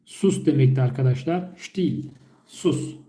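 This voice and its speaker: A man whose first language is Turkish, teaching basic German phrases during a live stream and repeating each one slowly and carefully. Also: medium pitch, warm tone, roomy sound. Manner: slow, careful repetition of phrases.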